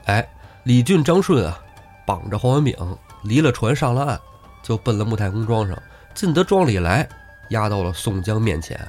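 A man's voice: on the low side, normal speed, faint music behind. A man co-hosting a podcast, retelling a classic novel in a casual, joking storyteller's way. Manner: lively, storytelling, jokey. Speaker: podcast co-host.

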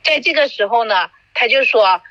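A woman's voice: a little high, moderate pace, no echo, muffled recording. A woman hosting a podcast, recounting an argument in casual chat and acting out the quoted dialogue. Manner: animated storytelling, acts out quoted dialogue. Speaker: podcast host.

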